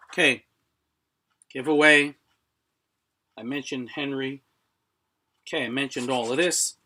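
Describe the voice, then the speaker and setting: A middle-aged man hosting a live stream, chatting casually and haltingly to viewers, often clearing his throat. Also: mid-range voice, steady tone, sharp tone. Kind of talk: casual rambling chat to viewers.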